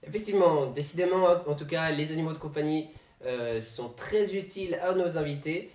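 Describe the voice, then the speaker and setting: Deadpan man playing straight interviewer. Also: fairly high pitch, brisk, echoey room, distant mic. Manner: mock-formal, deadpan. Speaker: sketch interviewer, radio host. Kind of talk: mock-interview comedy sketch.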